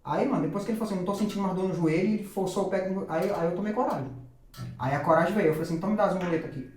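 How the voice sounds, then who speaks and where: A man guesting on a podcast, telling his story at a brisk, rushing pace. He acts out the conversations he retells, and the room around him rings with heavy echo. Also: sits high. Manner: animated, vivid retelling with lots of quoted dialogue. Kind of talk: personal testimony storytelling.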